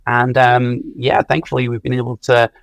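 A man with a northwest Irish accent from Donegal, blended a little, answers interview questions in a measured, explanatory way. His voice has plenty of fry and sits at a medium pitch. The sound is dry. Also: level tone, no room sound. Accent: Irish, from Donegal, blended with a second accent. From Donegal, northwest Ireland. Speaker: interview guest, clothing brand co-founder.

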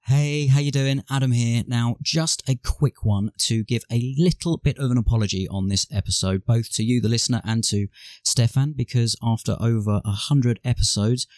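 A man's voice: medium pitch, moderate pace, darkish tone, dry recording, clean studio sound. A man hosting a podcast, apologizing casually to listeners while recording through an earbud microphone. His voice has a tinny sound, and he talks loosely with many fillers and restarts. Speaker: podcast host. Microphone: earbud headset microphone.

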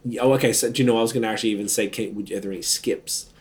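A man's voice: fairly low pitch, fairly even intonation, racing, a little mellow. Man with slangy roadman-style talk. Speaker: podcast host. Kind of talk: casual podcast banter.

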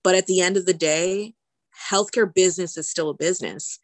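A woman's voice: fairly low pitch, fairly even intonation, a little fast, no room sound. A woman speaking casually as an interview guest, explaining things conversationally and repeating words for emphasis. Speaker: podcast guest, healthcare lawyer.

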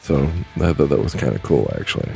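A man's voice: rumbling low, lively intonation, fairly quick, vocal fry, a little mellow, faint music behind. A man hosting a casual solo podcast, rambling and plainspoken, choking up with grief. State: grieving, choking up. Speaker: podcast host.

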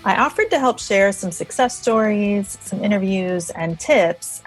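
Husky middle-aged woman telling a story. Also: mid-range voice, no echo. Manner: chatty, conversational, animated storyteller. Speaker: guest podcast host. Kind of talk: casual storytelling monologue.

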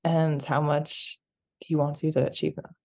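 A woman's voice: sits low, level tone, measured pace, gravelly, darkish tone. A young woman explaining things casually in an interview, dropping in "like" often. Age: young adult. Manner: explanatory, uses "like" a lot. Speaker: guest, beach volleyball player.

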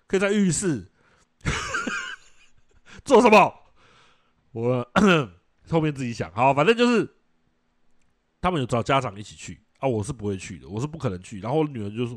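A middle-aged man with a Taiwanese Mandarin accent rattles off stories at a quick clip, voice sitting in an ordinary middle register. He talks bluntly and swears freely, hosting a casual chat. The sound is close and dry, with no room around it. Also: medium pitch, dry recording. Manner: blunt, profane, animated storytelling. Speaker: podcast host.

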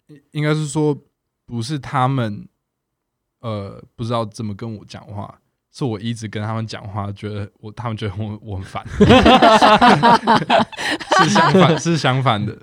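A man's voice: fairly low pitch, fairly even intonation, moderate pace. A man, a native English speaker, chatting casually in fluent foreign-accented Mandarin with some English words mixed in. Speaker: podcast guest. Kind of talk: casual chat.

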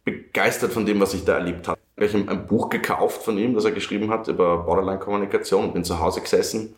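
Man, very low voice, echoey room, animated storytelling. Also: fast talker. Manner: animated storytelling, many restarts. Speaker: psychiatric nurse and founder. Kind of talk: casual podcast conversation. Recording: roomy echo.

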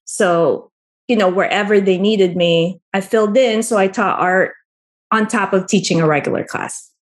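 Speaking at a moderate pace with a medium-pitched voice, a woman from the Philippines, a guest artist, responds to interview questions in a friendly manner. Gentle laughter often slips into her sentences; she is in the Albany, New York area.

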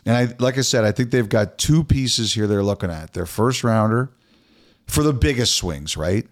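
A man's voice: fairly low pitch, expressive, normal speed. A man co-hosting a hockey podcast in casual chat, often repeating words and restarting sentences.

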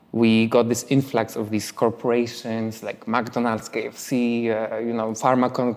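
Man in a reverberant hall. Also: medium pitch. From Poland. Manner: chatty, many fillers. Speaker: interviewee, writer. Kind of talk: live stage interview.

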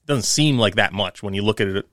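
A man chats casually. His voice sits fairly low, and the recording is close and dry, as on a co-hosted podcast. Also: quick pace, fairly bright tone, dry recording. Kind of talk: casual chat.

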